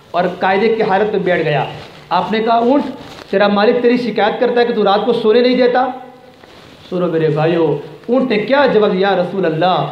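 Through an echoey, dull lo-fi recording with a little noise, a male preacher with a high voice delivers religious storytelling. He quotes Arabic and drives his points home by repeating phrases emphatically.

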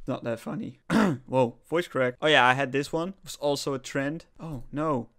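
A man's voice: medium pitch, steady tone, brisk, a bit bright. Rambling young man vlogging. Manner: rambling, self-mocking, swears casually. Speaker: YouTuber. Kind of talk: casual vlog commentary.

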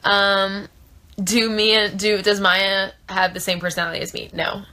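A woman's voice: medium pitch, little pitch movement, unhurried, bright, forceful tone. A woman in her twenties from South Florida, answering fan questions in a casual live chat, with lots of thinking-aloud fillers, filmed on a phone held at arm's length in a small room. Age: 20s. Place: small trailer room indoors.

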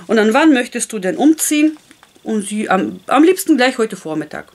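A woman's voice: fairly high pitch, expressive, normal speed. A woman casually retelling a romance novel and reading passages aloud, chatty and full of fillers and self-corrections. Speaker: book reader and channel host.

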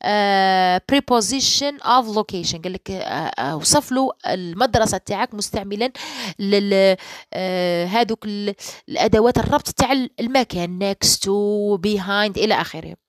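A woman English teacher with an Algerian Arabic accent, going through an exam solution in dialect and slowly reading the English sentences, and often asking "okay?". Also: medium pitch, no echo. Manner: slow, careful reading of English sentences, then explaining in dialect; keeps checking with "okay?".

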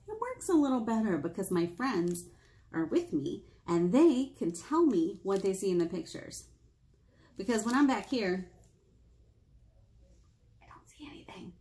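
With a medium-pitched voice, this children's librarian in her thirties reads picture books for a children's storytime, bright and sing-song, sometimes whispering. A webcam captures her closely in a small room.

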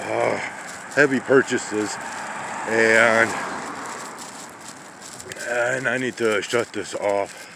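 A man with a fairly low, creaky voice and fairly even intonation speaks extremely slowly, pausing often, as he strolls snowy small-town streets. On this weather-walk vlog he rambles casually with folksy exclamations into a handheld phone camera, and wind noise catches the mic.

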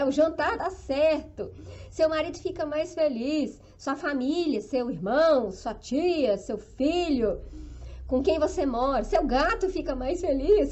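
A Brazilian woman with a high, bright-sounding voice runs a live stream as a flower-arranging instructor. She talks with upbeat, motivational enthusiasm and keeps turning to her audience for agreement while she handles the flowers. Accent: Brazilian Portuguese.

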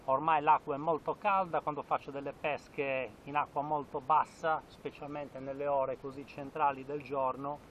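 A man's voice: medium pitch, a bit bright, highs cut off, slight background noise. A man in his fifties, a spearfishing vlogger, talking enthusiastically to an action camera outdoors by the sea. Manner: enthusiastic, repeats phrases. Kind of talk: casual vlog narration to camera. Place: outdoors by the sea, then in the water.

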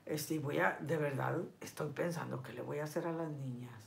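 A woman's voice: sits low, normal speed, gravelly. Chatty older woman vlogger. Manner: chatty and affectionate, lots of diminutives and endearments. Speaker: vlogger reading viewer comments. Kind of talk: casual live chat.

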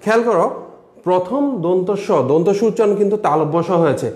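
A man's voice: high voice, quick pace, darkish tone, reverberant. A man with a Bangladeshi accent, a college lecturer giving a recorded lesson, explaining step by step and repeating example words.

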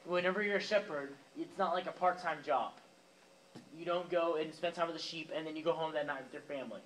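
A man's voice: on the high side, fairly quick, fairly bright tone, slight background noise, poor audio. A young man giving a youth sermon in a casual, chatty way, talking straight to the teens. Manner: casual, talks directly to teens with fillers and asides. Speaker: youth pastor. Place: church youth room, with a live audience.

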